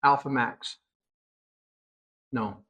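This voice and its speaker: A middle-aged man hosting a podcast, telling a hunting story in casual chat, excitable and animated. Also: mid-range voice, extremely slow. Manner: excitable, animated storyteller, voices others in quotes. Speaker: podcast host.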